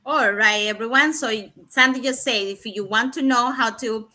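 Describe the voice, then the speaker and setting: Bright, upbeat woman co-hosting. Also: a little high. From Cuba. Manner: upbeat, quick to laugh. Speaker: co-host. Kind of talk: livestream panel chat.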